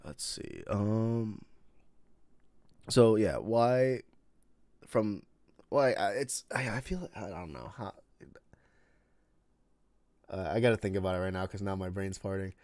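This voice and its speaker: This young host from Chicago, with his Chicago accent, runs a casual live-stream chat and wanders through questions using many fillers and restarts. His fairly low, darkish voice takes things slowly and pauses often, with no echo in the recording.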